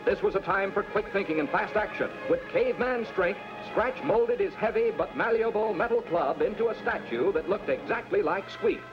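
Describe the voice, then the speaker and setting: High, swooping vintage cartoon narrator. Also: male voice, expressive, normal speed, few pauses. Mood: dramatic, earnest. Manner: dramatic, theatrical storytelling. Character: earnest, dramatic male storyteller of a children's space cartoon. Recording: dull vintage cartoon soundtrack with music.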